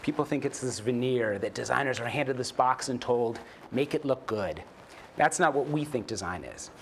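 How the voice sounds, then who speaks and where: A man's voice: mid-range voice, a little fast, slight background noise. A man, a journalist and author, giving a casual conference talk on a stage, chatty and self-deprecating, with many fillers and restarts. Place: conference stage before an audience.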